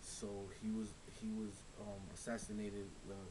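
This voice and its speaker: A young man from Ecuador giving a halting class presentation, with frequent restarts and fillers. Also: monotone. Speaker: student presenter. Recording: hissy low-fi camera recording.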